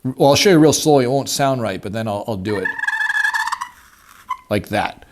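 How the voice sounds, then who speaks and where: This is an easygoing man teaching turkey calling at a wooden table, walking through the technique in a folksy, informal tutorial style. His voice sits in the mid range, animated and at normal speed. The audio is clear, with background noise and clicks from the call.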